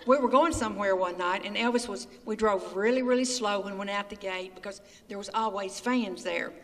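In a community building hall, an older woman being interviewed tells folksy, chatty anecdotes with laughter. Her mid-range voice moves briskly, and the mic picks her up from far off amid the hall's echo.

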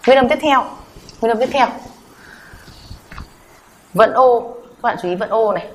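A woman's voice: fairly high pitch, measured pace, poor audio. A woman teacher runs a Korean vowel lesson at an easy, patient pace. She asks her learners questions, answers them herself and repeats each sound for them to copy. A faint hiss of noise sits under her voice.

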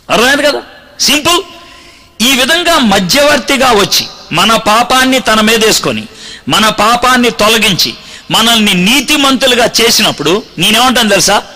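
A man preaching a sermon, telling a story and acting out its dialogue. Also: sits high. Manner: lively, acts out dialogue in story.

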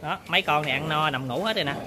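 A man's voice: a little high, racing, noisy background. A man casually talks viewers through work in his pig barn, often turning to address them. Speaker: pig farmer vlogger. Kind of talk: casual on-farm demonstration.

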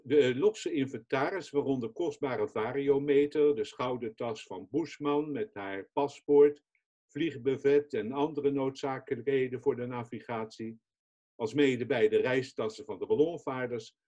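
A man, a society chairman, giving a webinar talk from notes in a measured reading voice with small restarts, over a computer mic. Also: mid-range voice, mellow.

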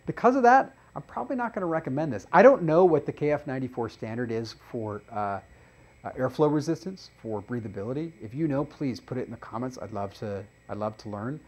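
A man's voice: medium pitch, animated, brisk, darkish tone, muffled recording. A man hosting a casual review show, explaining test results as he goes with frequent fillers. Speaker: host reviewing face masks.

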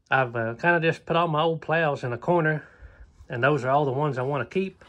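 A man's voice: a little high, a bit bright, dull audio. A man, talking casually through a walkthrough of his barn, easygoing and plainspoken with lots of "uh" fillers, recorded on a phone held at arm's length in an open wooden barn. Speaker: homesteader vlogger. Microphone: phone camera held at arm's length.

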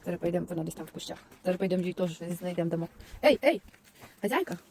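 A woman's voice: lowish voice, fairly even intonation, racing. A woman vlogging outdoors by a road, cooing in sing-song baby talk while she feeds stray dogs. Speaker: volunteer feeding stray dogs. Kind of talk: casual vlog talk to dogs. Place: outdoors by a roadside dump. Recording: outdoor traffic noise. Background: passing cars and animal sounds.

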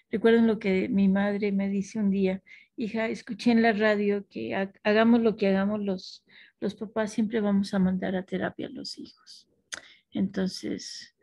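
A woman teaching a class, talking thoughtfully with restarts and soft affirmations to her students. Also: mid-range voice, no echo.

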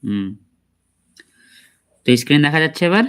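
A man teaching Quran recitation in an online class, patiently explaining mistakes and slowly reciting the words. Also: a little high, very animated, fairly bright tone, clear, resonant tone. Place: online class, voice over a shared screen.

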